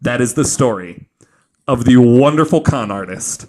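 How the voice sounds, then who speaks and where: Telling a true crime story from his notes, this podcast host keeps things loose and jokey, swearing now and then. His mid-range voice is a little mellow and a touch slow, with lively intonation.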